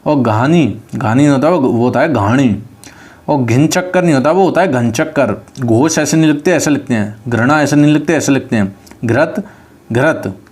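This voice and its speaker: Speaking at a moderate pace with a darkish tone, a mid-pitched male teacher conducts online exam preparation in spelling. He states a word and then clarifies how to spell it properly.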